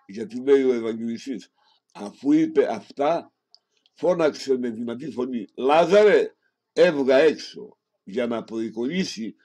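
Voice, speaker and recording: A man reads a homily aloud in a solemn, measured way. His voice is dark and mellow at a middling pitch, and he speaks directly to the listener before closing with prayers. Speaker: reader of a sermon.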